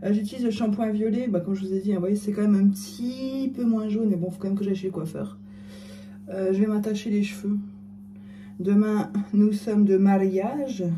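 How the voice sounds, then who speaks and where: A woman's voice: mid-range voice, fairly even intonation, brisk, warm tone, a little hiss or hum. A middle-aged woman chatting casually in her vlog, self-mocking and hesitant, often trailing off with fillers. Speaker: vlogger.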